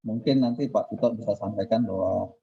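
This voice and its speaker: A man's voice: on the low side, brisk, creaky, slightly rough, muffled recording. A man leading a study, speaking hesitantly in an online meeting as his video call audio breaks up and cuts out. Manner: hesitant, with fillers and restarts. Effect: choppy audio breaking up on a video call.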